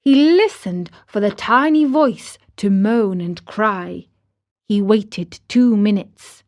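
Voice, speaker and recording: A woman reading a children's story aloud slowly and clearly for English learners. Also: mid-range voice, darkish tone.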